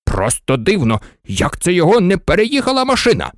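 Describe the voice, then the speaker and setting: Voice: mid-range voice, wildly swooping pitch, a little fast, dry recording, studio quality, pitched above the performer's own voice. A narrator voicing a cross station master who grumbles and lectures about children, in a storybook reading. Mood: grumbling.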